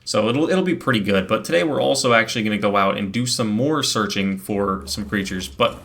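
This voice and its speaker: A man with a somewhat low voice talks through his game session in a relaxed, chatty way. He explains each step as he plays, with plenty of fillers and restarts, into a desk microphone at his computer. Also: brisk, vocal fry. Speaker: gameplay video host. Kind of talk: casual gameplay commentary.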